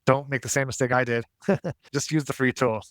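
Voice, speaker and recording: Guy doing a casual how-to video, medium pitch, really dry recording with no room sound. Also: steady tone, a little fast, fairly bright tone, no echo. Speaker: tutorial host. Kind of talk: casual scripted tutorial narration.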